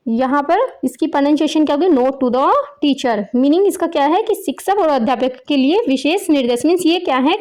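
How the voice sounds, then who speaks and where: A woman with an Indian accent, her voice sitting high, teaches an English lesson to young children in a voice-over. She reads each English line slowly and carefully, then breaks it down word by word in simple terms. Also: darkish tone.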